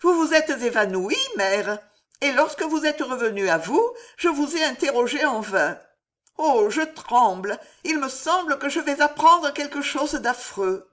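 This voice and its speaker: Audiobook: woman reader doing an anxious young daughter, high and pleading, slow delivery. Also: expressive, fairly bright tone. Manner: pleading, emotional. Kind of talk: audiobook character voice.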